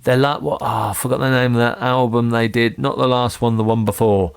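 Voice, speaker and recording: A man's voice: mid-range voice, fairly even intonation, brisk, creaky, clean tone. A British man hosting a podcast, chatting casually, swearing freely and laughing as he tells a gig story. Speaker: podcast host. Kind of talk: casual chat.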